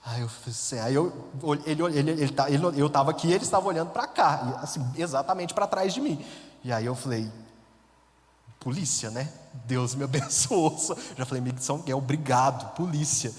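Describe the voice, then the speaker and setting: A priest from the interior of Minas Gerais, with a Minas accent, telling a story in a sermon in a chatty, self-mocking way and laughing often. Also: male voice, medium pitch, lively intonation, brisk. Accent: Minas Gerais Brazilian Portuguese. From interior of Minas Gerais, Brazil. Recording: long hall reverb.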